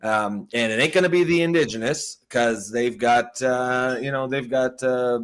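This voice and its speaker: Man, co-host, casual political chat, blunt, swears, reads viewer comments, middle pitch. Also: moderate pace, clear, resonant tone. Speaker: podcast co-host.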